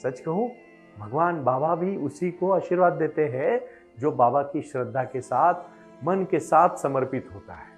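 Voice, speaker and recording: A man's voice: a little high, expressive, measured pace, soft background music. A man giving an emphatic devotional motivational address, building into fervent exhortation. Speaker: motivational spiritual speaker.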